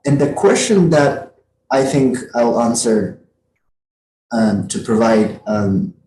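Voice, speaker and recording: A young man from Afghanistan, co-founder of the network, giving an earnest, halting introduction on a live panel. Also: mid-range voice, lively intonation, mellow, a little hiss or hum. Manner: earnest, halting, with many fillers. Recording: echoey room.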